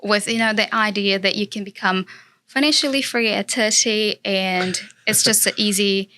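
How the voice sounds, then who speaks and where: A woman's voice: mid-range voice, moderate pace, pushed and bright. A woman from Brazil with a Brazilian Portuguese accent, a guest chatting in an interview in an earnest way with many fillers. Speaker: guest, property investor. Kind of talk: casual interview chat.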